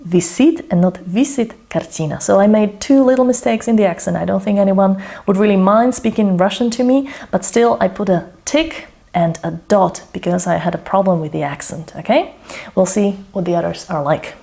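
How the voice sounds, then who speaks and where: Speaking at a normal speed with a creaky, warm, medium-pitched voice, a Slovak-native language mentor demonstrates her study method by talking it through aloud. She rambles chattily, fixes her own slips, and often pauses to say "okay?".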